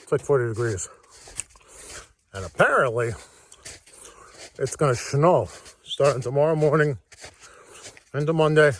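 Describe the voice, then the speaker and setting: A man's voice: medium pitch, animated, unhurried, long pauses, slight background noise. A man talking casually and bluntly to a camera while hiking outdoors, out of breath and breathing heavily. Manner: blunt, salty, joking self-deprecation. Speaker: hiking vlogger, group leader. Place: outdoors on a snowy hiking trail.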